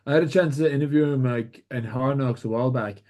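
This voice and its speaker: A man co-hosts a casual interview. His voice is mid-pitched, and he speaks in loose, conversational phrases. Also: fast, darkish tone. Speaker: co-host.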